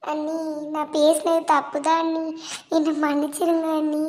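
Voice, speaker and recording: A woman voicing a young woman in an animated family drama cartoon, pleading emotionally with her brother and sister-in-law. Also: sits high, moderate pace, lightly acted. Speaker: cartoon voice artist.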